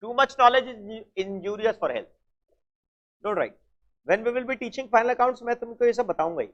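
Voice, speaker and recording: A man's voice: very high-pitched, animated, slow pace, a bit bright. A man teaching an accounting class, who keeps prodding his students with the same questions over and over. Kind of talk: classroom lecture. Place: coaching classroom. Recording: dull lo-fi classroom recording.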